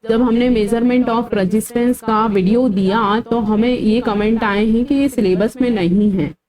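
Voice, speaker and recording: Higher-pitched woman teaching engineering formulas. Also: fairly even intonation, measured pace, a little mellow, low-quality recording. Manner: explanatory, drills formulas to memorize, mixes English terms; scolding students about comments. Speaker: exam-prep engineering teacher. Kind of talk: online lecture.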